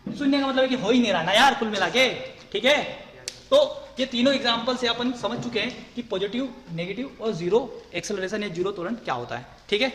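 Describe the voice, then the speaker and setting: Male physics teacher, high voice, classroom lecture style, long room reverb. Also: a little fast, a bit bright, a little hiss or hum. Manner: repeats questions and answers them himself, says "ठीक है" often.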